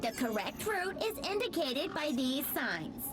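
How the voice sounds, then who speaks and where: Robot droid, female, bureaucratic and chirpy, high lively voice over loud game music. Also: unhurried. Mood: officious. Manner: officious, keeps repeating directions. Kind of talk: video game voice acting.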